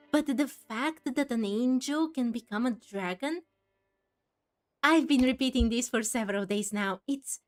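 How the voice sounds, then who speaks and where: Musing as she plays, a female playthrough host mixes gaming commentary with reading dialogue aloud, punctuated by excited asides. Her voice sits high and has a slightly mellow quality.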